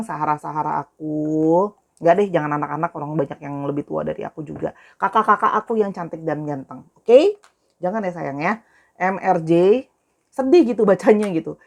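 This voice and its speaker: A woman's voice: lowish voice, gravelly. A young woman giving a casual tarot reading, chatty and affectionate, calling her viewers dear. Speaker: tarot reader.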